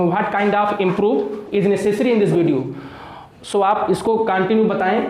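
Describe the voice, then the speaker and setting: A man with a high voice teaches an exam-prep class, calling his students children and repeating key words as he quizzes himself out loud. His voice rings around a bare, echoey room. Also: slight background noise. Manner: asks and answers his own questions, repeats key words.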